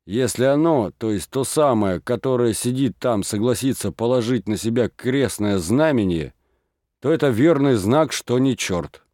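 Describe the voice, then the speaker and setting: A man's voice: mid-range voice, expressive, normal speed, darkish tone, no room sound, pitched above the performer's own voice, lightly acted. Guy doing a nervous village clerk begging folks to wait, dry close recording. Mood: pleading. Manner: pleading, cautious. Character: cautious pleading male village clerk.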